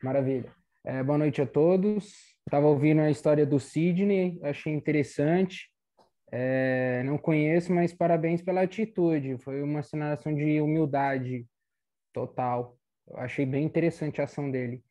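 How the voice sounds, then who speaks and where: A Brazilian man joining an online meeting, speaking politely and in a measured way. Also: on the high side, dark tone. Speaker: meeting participant. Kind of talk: casual remarks in an online meeting.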